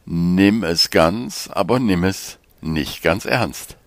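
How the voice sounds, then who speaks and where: A calm, patient guide in a German audiobook, speaking low and unhurried, as the narrator voices him. He lays out his thoughts in measured, gentle explanations, close and dry to the mic. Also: no echo. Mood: calm explaining.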